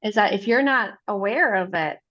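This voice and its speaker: A woman's voice: medium pitch, normal speed, a bit bright. A woman interviewer explaining voice therapy, in an affirming, explanatory way. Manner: explanatory, affirming, frequent agreement. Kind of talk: conversational interview. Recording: dull, lo-fi audio.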